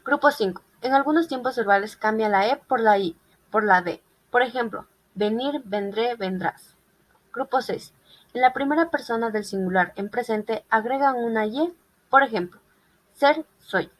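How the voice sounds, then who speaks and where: A woman's voice: a little high, normal speed, rough recording. A woman reading a group class presentation on irregular verbs, listing examples methodically. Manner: methodical listing of verb forms. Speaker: student presenter.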